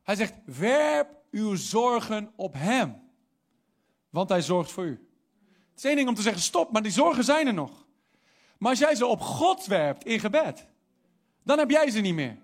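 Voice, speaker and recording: This young man's voice sits high, and he preaches at a measured pace with frequent pauses. His sermon starts from a personal story and grows animated, climbing to emphatic calls, with English phrases worked into his speech.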